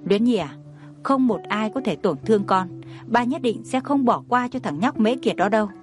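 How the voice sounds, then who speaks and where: A woman's voice: on the high side, expressive, moderate pace, faint music behind, lightly acted. A woman voicing a raging, violent middle-aged father in a storybook reading, threatening.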